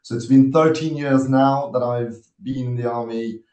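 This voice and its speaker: A man's voice: medium pitch, fairly even intonation, a little mellow. Earnest man in his thirties, echoey room. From Nepal. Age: 30s. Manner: earnest, measured, with frequent hesitations. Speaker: guest speaker, army officer. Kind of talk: webinar presentation.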